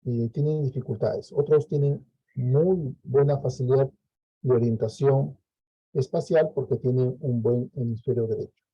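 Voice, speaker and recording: Peruvian male teacher, very dark mellow tone, dry close sound, lecture pace with tag questions. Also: medium pitch, fairly even intonation, moderate pace, slightly rough, no echo, muffled recording. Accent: Peruvian Spanish. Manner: explains with frequent "¿no?" checks and fillers.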